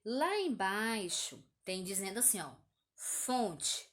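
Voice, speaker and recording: A woman's voice: medium pitch, big pitch swings, fairly bright tone. A woman teacher with a Brazilian accent, patiently going over a test in a video lesson for young pupils, checking in with "tá?" often. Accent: Brazilian Portuguese. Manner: slow, patient, uses diminutives and "tá?" checks. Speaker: primary school teacher.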